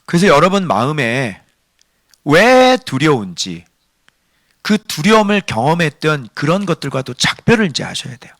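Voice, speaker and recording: A male pastor preaching a sermon. He swings from hushed near-whispers to loud, emphatic lines and keeps asking the congregation rhetorical questions. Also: fairly high pitch, big pitch swings, normal speed, no room sound, clean studio sound.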